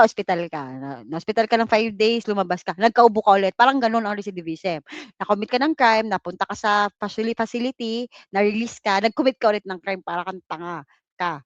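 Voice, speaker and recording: A woman from the Philippines giving a live online review lecture, mixing English terms into her talk and tossing in teasing jokes and quick "just kidding" asides. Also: mid-range voice, no room sound, muffled recording. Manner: playful, cracks teasing jokes and "charot" asides; mixes English terms into Tagalog. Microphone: computer mic on a livestream.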